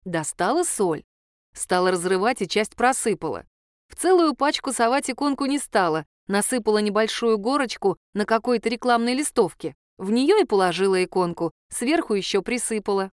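A woman's voice: on the high side, lively intonation, a little fast, clear, resonant tone, dry recording, studio quality. A woman narrating a story in the first person as an audiobook, in a wry, conversational manner.

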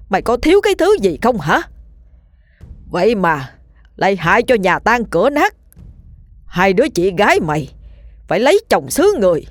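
A woman's voice: mid-range voice, no echo, voice pushed up. A woman puts on a furious grown man hurling accusations at his half-brother in a storybook ghost tale. His voice leaps up and down as he rebukes him. The sound is close and dry.

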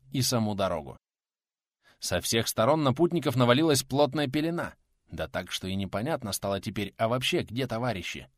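Expressive male audiobook narrator. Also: medium pitch, no echo, clean studio sound. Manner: expressive, dramatic reading.

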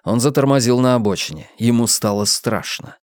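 A man narrates an audiobook in a measured, steady manner at a middle pitch. The recording is dry and close, with no room sound. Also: dry recording. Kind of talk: scripted narration.

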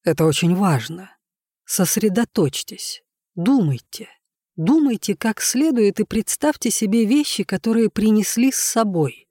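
A patient, measured robot servant from a storybook reading, voiced by a male narrator. The voice is mellow and soft-edged, and the recording is dry and close. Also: high-pitched, lively intonation, no echo. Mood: patient calm.

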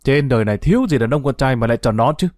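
A man's voice: mid-range voice, expressive, racing, no room sound, studio quality, lightly acted. A man reading an audio story, voicing an angry older father who scolds his daughter. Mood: furious. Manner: shouting, scolding. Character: angry older father, hot-tempered and harsh.

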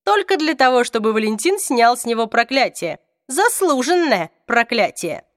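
Woman doing a young man, arrogant, loud and scornful, high raised voice, dry close sound, storybook reading. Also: very animated, moderate pace, dry recording. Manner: loud, cold and self-righteous.

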